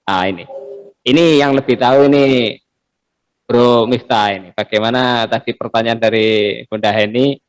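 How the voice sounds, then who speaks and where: A man moderating an online community meeting, chatty and a bit hesitant, commenting before handing over to guests. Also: lowish voice. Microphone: video call.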